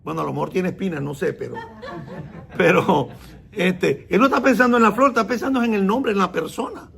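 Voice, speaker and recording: With a high, gravelly and fairly bright voice, a messianic rabbi works through a sermon, explaining slowly, repeating words and questioning his congregation.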